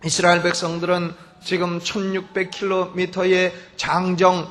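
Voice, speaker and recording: Male pastor, high voice, emphatic sermon, long church reverb. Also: completely flat delivery, normal speed, a bit bright. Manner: emphatic, storytelling, rhetorical questions. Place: church sanctuary.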